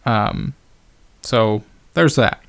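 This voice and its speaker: A man's voice: lowish voice, very slow, gravelly, a bit bright. A man hosting a solo podcast in a casual, conversational way, with plenty of fillers and wry, sarcastic asides. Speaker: podcast host.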